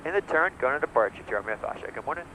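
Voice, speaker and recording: A man flying as pilot, speaking through a cockpit headset mic and giving brisk procedural checklist callouts and radio calls. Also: fairly high pitch, lively intonation. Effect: pilot talking over a cockpit headset mic. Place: small jet cockpit in flight. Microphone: aviation headset. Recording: loud engine noise in cockpit.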